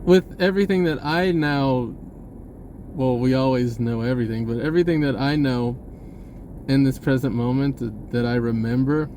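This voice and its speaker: At a moderate pace, a man with a mid-range, dark-toned voice rambles through an off-the-cuff message as a video creator online, hesitating and reworking his phrasing as he goes. Slight hiss or hum sits in the background.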